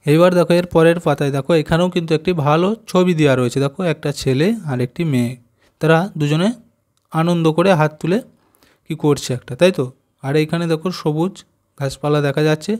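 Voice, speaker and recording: A man teaching young children, spelling out letters slowly and often checking whether they have understood. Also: on the high side, darkish tone. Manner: slow, spelling out letters and asking "got it?". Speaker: primary school teacher. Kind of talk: textbook lesson explaining Bengali conjunct letters.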